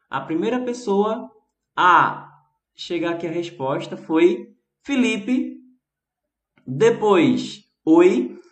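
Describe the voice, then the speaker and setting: Male online English teacher, chatty live host, slow delivery, echoey room. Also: high-pitched, fairly bright tone. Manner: slow careful English reading, chatty Portuguese asides. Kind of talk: live-stream English lesson.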